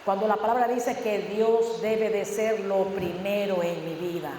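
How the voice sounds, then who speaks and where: A male pastor preaches fervently, firing rhetorical questions and sudden loud emphasis. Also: sits high, steady tone, a little slow. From Nicaragua. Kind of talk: sermon. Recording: echoey church hall with long reverb.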